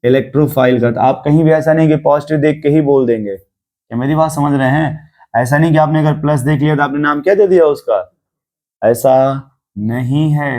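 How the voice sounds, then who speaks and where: A male chemistry teacher lectures a class, his voice sitting a little high for a man. He keeps quizzing the room with quick rhetorical questions and drops English terms into his explanation. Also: a little mellow.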